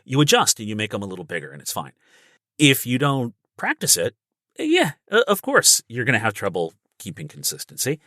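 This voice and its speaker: Here the same podcast guest, a voice actor and audiobook narrator, keeps up his casual, emphatic explanations built on everyday comparisons. His mid-range voice swings hugely in pitch, runs a little fast, and sounds bright and forceful. The studio audio is clean with no echo.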